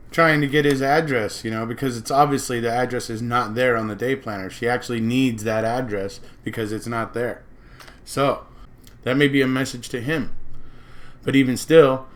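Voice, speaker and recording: An American man giving a casual, speculative monologue as a true-crime commentator, rambling and circling back to repeat his points. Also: mid-range voice.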